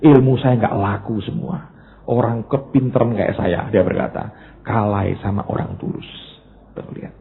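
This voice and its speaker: A male pastor, preaching a sermon that jumps between loud, emphatic bursts and low, quiet asides. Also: moderate pace, gravelly. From Indonesia. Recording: tinny phone-like band, faint noise.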